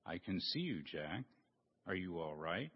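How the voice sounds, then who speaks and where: A preacher voicing God as a calm, patient presence speaking down from above, in a low unhurried voice, on a dull recording with long church reverb. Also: male voice, husky, full character voice.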